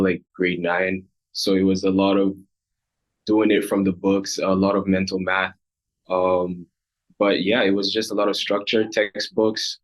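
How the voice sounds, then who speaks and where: A man's voice: low-pitched, poor audio. A young man from Rwanda, a recent graduate speaking as a podcast guest, thoughtful and full of fillers and restarts. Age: young adult. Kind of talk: podcast interview.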